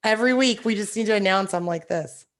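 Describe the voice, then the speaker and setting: A young woman co-hosting a podcast in casual chat, her voice hoarse and raspy, telling things with enthusiasm. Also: medium pitch, fast. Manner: animated storytelling, enthusiastic. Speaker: podcast co-host.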